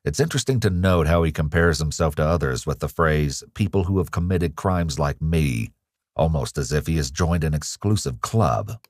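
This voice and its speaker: A male narrator reads scripted documentary voice-over in a measured, grave manner. His voice is extremely deep. It is recorded dry and close, with no room sound. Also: lively intonation, a little mellow, dry recording. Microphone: studio voice-over.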